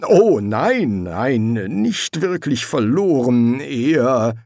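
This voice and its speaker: A man voicing a fussy, anxious, soft-hearted male angel who hesitates and stammers in an audiobook reading. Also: fairly high pitch, huge pitch swings, unhurried, husky, dry recording, studio quality, voice pushed up, heavily acted. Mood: flustered.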